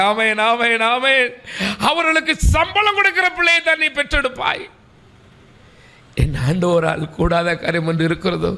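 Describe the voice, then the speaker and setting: High-pitched impassioned male preacher. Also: sharp tone, clear, resonant tone. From South India. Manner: impassioned, calls for amens, acts out quoted laments. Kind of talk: Tamil sermon.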